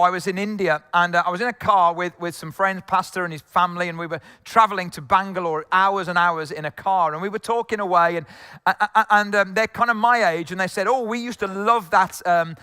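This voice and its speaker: Middle-aged male pastor, chatty sermon style with fillers, high bright voice, long hall reverb. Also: a little fast, clear, resonant tone. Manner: jokey, conversational preaching with frequent fillers. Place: church hall.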